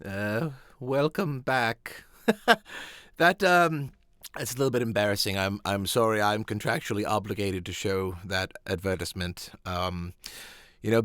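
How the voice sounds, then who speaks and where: A man hosting a casual music live stream, talking in a halting, light-hearted, self-deprecating way. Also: on the low side, a bit bright, no room sound, clean studio sound.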